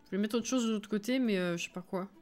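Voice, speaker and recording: A woman's voice: medium pitch, fast, darkish tone, soft background music. A woman streaming a life-sim game, chatting casually with her viewers, laughing often and reading chat messages aloud. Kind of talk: casual live-stream chat while playing.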